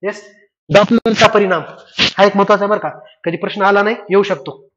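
High-voiced man teaching exam science. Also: fairly quick, a little hiss or hum. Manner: lively, repeats key points, asks and answers his own questions. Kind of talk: exam revision lecture. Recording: dull lo-fi classroom recording.

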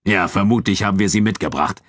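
Man doing a gruff, scornful troupe leader, deep growling voice, dry close sound, storybook. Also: normal speed, no echo.

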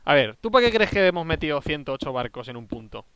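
Bright, lively man explaining gameplay. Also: a little high, quick pace, clean tone, no echo. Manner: bossy, explains at length, teasing. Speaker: gaming YouTuber. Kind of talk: casual gameplay chat.

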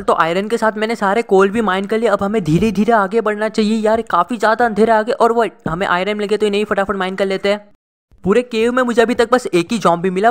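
A man giving excitable gameplay commentary, chatty with his viewers and breaking into frantic exclamations. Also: high-pitched, clean tone. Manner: chatty, addresses viewers as guys and brother. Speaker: gaming channel host.

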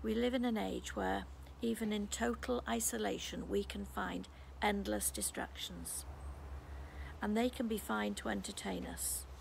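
Brief: British female priest, 60s, heavy vocal fry, calm reflective sermon, faint ambience. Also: mid-range voice, slight background noise, poor audio. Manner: calm, measured, reflective delivery. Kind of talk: sermon read from notes. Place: garden outdoors. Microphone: phone camera held close.

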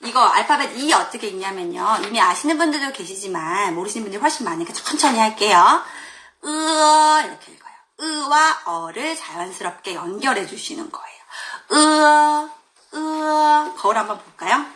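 Woman language teacher, live online class, animated pitch, bright clear tone, laughs often and drills sounds out loud. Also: brisk, hardly any pauses. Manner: lively, demonstrates sounds loudly with exaggerated tones; laughs often, talks directly to viewers. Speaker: Chinese teacher. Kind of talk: live online pronunciation lesson.

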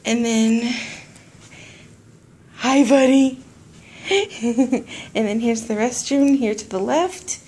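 A woman's voice: a little high, a little mellow. A woman giving an easygoing walkthrough of a hotel room, filming on a handheld phone indoors. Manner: slow, easygoing pointing-out of things. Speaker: vlogger giving a hotel tour. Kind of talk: casual walkthrough narration. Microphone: handheld phone camera.

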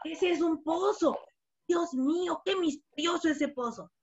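A woman's voice: measured pace, a little mellow, dull audio. A woman voicing a curious, chatty little fly that gasps and exclaims with wonder as it explores a face. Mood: mysterious. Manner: exclaims with wonder, high squeals.

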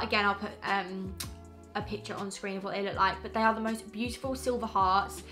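A young British woman in her early twenties, vlogging with a bright, crisp voice that sits a little high. She gushes enthusiastically, piling on "absolutely" and "stunning", with faint music playing softly behind her. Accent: British English. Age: early 20s. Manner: gushing, enthusiastic, repeats "absolutely". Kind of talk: birthday gift haul vlog.

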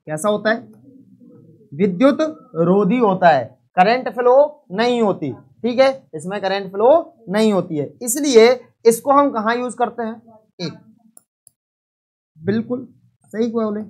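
A man teaching a live online chemistry lesson, repeating each point and quizzing students. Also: sits high.

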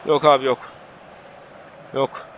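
A man streaming his football video game, shouting at players and the referee and muttering to himself while he changes tactics. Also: mid-range voice, level tone, slow pace, phone-quality sound, slight background noise. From Turkey. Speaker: gaming YouTuber. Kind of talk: live gameplay commentary.

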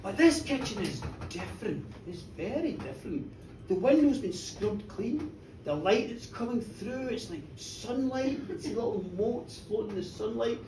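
A man's voice: high voice, expressive, moderate pace, noisy background. A male storyteller telling a folk tale to a live audience in a pub, playful and questioning the crowd, recorded from a distance in an echoey room. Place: pub venue, live show.

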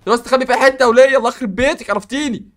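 A young Egyptian man excitedly narrating a game role-play, bossy with sudden loud outbursts. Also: very high voice, racing. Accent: Egyptian Arabic. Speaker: gaming YouTuber.

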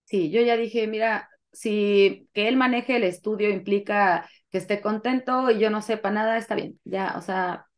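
A woman's voice: medium pitch, moderate pace, few pauses. A young adult woman with a Mexican Spanish accent, telling her personal story as a guest in an interview, acting out the dialogue as she goes. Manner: animated storytelling, acts out quoted dialogue.

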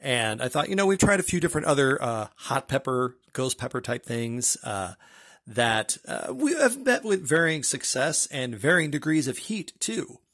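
A middle-aged man with a husky voice gives a casual, wry snack review with dry humor. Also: mid-range voice, very animated, normal speed, fairly bright tone. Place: small room with bookshelves, indoors.

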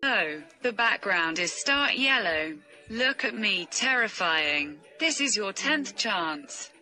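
Slow, bright-voiced woman making threats. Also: medium pitch, lively intonation, soft background music. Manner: threatening, counting down warnings with growls; broken, simple English phrasing. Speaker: VTuber. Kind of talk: acting out a computer error character.

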